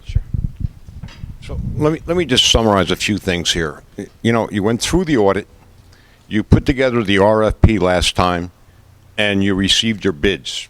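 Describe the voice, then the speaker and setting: A man's voice: on the low side, lively intonation, moderate pace, pauses often, a bit bright. A man in the role of an energy industry advocate, speaking to a school board and summing up his points in a firm, direct way. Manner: assertive, direct, sums up points firmly. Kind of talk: summarizing remarks at a public board meeting. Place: school board meeting room.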